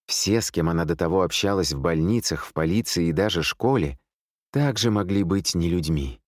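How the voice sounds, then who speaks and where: A man narrating an audiobook thriller in a steady, suspenseful reading. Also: deep voice, normal speed, dry recording, clean studio sound. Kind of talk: scripted narration.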